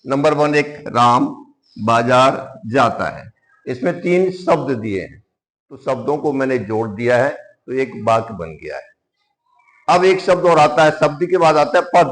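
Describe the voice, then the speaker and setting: A man's voice: on the high side, low-quality recording. A male teacher giving a classroom grammar lesson, explaining step by step and asking questions that he then answers himself.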